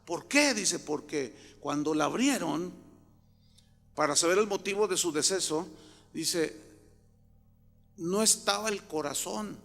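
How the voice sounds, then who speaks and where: A man from Mexico preaching a sermon, telling a story and often rising to loud, emphatic outbursts. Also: high voice, takes it slowly, gravelly, pauses often, faint music behind. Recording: long hall reverb.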